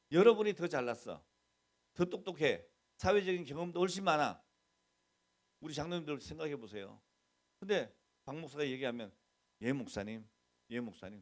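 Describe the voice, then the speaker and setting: A middle-aged man, the senior pastor, preaching a conversational sermon. He keeps asking the congregation questions and acts out quoted bits of dialogue. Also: on the high side. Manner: mixes plain talk with quoted mock dialogue.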